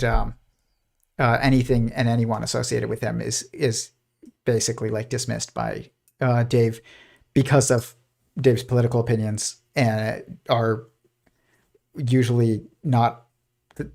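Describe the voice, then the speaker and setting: A man's voice: medium pitch, gravelly, darkish tone. A man hosting a live physics stream, talking casually and rambling with lots of fillers and restarts. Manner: puts on a posh old-timey voice when quoting. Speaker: host of a live physics show.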